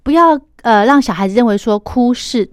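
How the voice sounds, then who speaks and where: Eager higher-voiced woman host. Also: animated, clear, resonant tone, no echo, studio quality. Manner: eager and reactive, full of quick agreeing replies. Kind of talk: casual interview chat.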